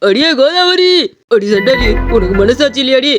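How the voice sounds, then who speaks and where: In this cartoon voice-acting clip, a man plays a dramatic, hot-headed young man sick with love, wailing theatrically. His voice is very high-pitched and animated at a normal speed, with music in the background. Background hiss is audible in the recording.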